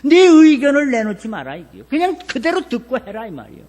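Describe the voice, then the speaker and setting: An older pastor, preaching a revival sermon in a folksy storytelling way, asking the congregation questions. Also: male voice, very high-pitched, sing-song, fairly quick, a little mellow.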